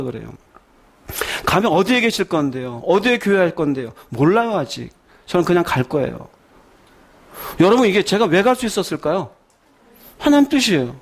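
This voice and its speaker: A middle-aged man with a notably high-pitched voice preaches a sermon. He tells his story in a conversational way, plays the people in it himself and puts questions to his listeners. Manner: storytelling preaching, acting out dialogue, asking the congregation questions. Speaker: pastor.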